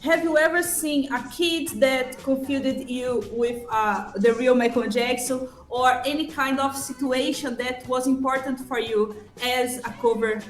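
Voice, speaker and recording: Female interpreter, high voice, fast Portuguese summaries, roomy echo. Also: steady tone, soft background music. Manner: relays answers in quick Portuguese summaries with frequent "uhum". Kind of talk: live interpreting between Portuguese and English.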